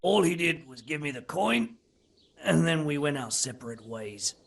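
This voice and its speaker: An actor playing a captured brigand under interrogation in a game, sardonic and evasive. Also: male voice, a little high, very animated, normal speed, full character voice. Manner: sardonic, evasive, rough-spoken.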